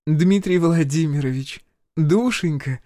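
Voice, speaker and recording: A man's voice: fairly high pitch, lively intonation, dark tone, no echo, pitched above the performer's own voice, natural voice. Sarcastic healer woman, teasing and lilting, read by a male narrator; dry close sound. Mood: sweetly ironic. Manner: mocking, teasing, drawn-out. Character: sarcastic unflappable middle-aged woman healer.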